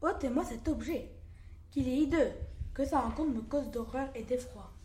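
Wretched fable man, dramatic lament, high voice, echoey room, played by a woman. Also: normal speed, a little mellow, slight background noise, lightly acted. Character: miserable wretched man begging.

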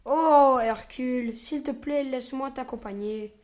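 A woman's voice: sits high, unhurried, a little mellow. A woman voicing an eager, loyal teenage boy who pleads to help, in a read-aloud storybook.

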